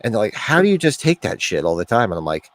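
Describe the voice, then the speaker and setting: A man in his forties with allergy sniffles keeps up a rambling, profane, joking casual chat. He speaks on the low side, very animated, at a quick pace.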